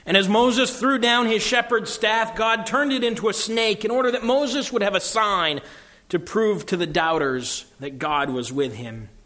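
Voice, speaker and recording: A man preaches a sermon in an earnest, emphatic way, pressing his points home. His voice sits somewhat high for a man. He frames his message around a story he reads aloud. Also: measured pace, sharp tone.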